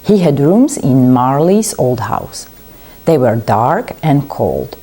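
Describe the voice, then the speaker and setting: A woman reading a classic tale aloud in simple, deliberate phrases for learners. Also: very deep voice, sing-song, warm tone, breathy edge. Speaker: library English consultant.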